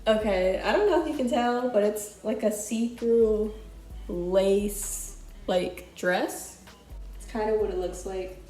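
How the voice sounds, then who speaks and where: A young woman vlogger rambles casually through a thrift haul, full of fillers and restarts. Her mid-range voice is slow and warm, and the echoey room carries faint music in the background.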